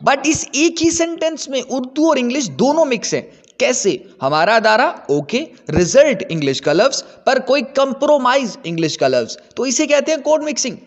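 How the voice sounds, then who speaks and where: A man's voice: extremely high pitch, very animated, moderate pace, long reverb tail. A man giving an explanatory lecture as a teacher, repeating points for his students.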